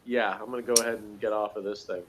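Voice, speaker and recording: A man with a lowish voice and fairly even intonation talks fast over a noisy background as a guest reviewer. He rambles conversationally, leaning on lots of "you know" and "like," and the recording sounds dull and lo-fi.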